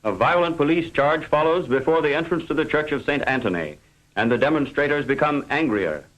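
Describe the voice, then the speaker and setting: A male narrator delivers a 1950s newsreel script with formal, measured phrasing. His voice sits a little high for a man. The sound is that of an old newsreel film soundtrack. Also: lively intonation, fairly bright tone, poor audio.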